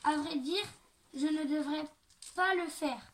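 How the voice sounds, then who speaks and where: A woman voicing a kindly male baker in a storybook reading, speaking slowly and reluctantly. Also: high-pitched, a little hiss or hum.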